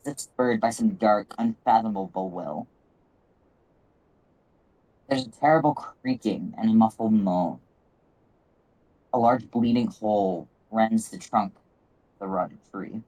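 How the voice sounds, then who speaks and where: A man's voice: lowish voice, animated, measured pace, long pauses, warm tone, low-quality recording. A man running a tabletop fantasy game, moving between descriptive narration and casual talk with players. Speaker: game master.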